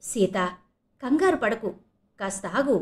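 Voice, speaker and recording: A woman voicing a calm middle-aged father trying to soothe his angry wife in an audio novel reading. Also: fairly high pitch. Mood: placating. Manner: placating, hurried.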